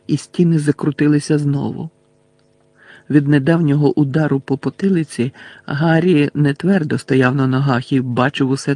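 A man reading a novel aloud in a steady storytelling manner. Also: mid-range voice, creaky, no echo. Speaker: audiobook narrator. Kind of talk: scripted narration.

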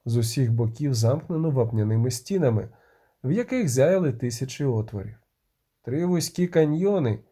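A man narrating a fantasy audiobook in an expressive, measured way. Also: medium pitch, slightly rough. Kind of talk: scripted narration.

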